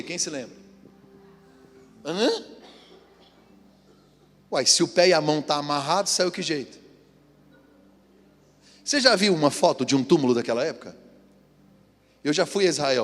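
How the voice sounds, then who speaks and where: Man, pastor, fairly high voice, animated sermon, echoey church hall. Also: moderate pace, pauses often. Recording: echoey hall with long reverb.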